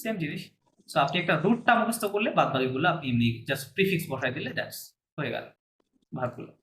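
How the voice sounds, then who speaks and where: A man's voice: fairly high pitch, sing-song, quick pace, fairly bright tone. A man teaching a language class, patiently repeating words for his students to copy. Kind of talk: classroom lesson. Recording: echoey room, faint hiss.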